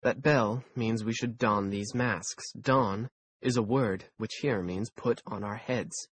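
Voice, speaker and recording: A man reading an audiobook voices a brisk, bossy adult woman who lectures her young apprentice, raising his voice higher and louder for her. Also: slight background noise. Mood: stern. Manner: curt, lecturing, commanding.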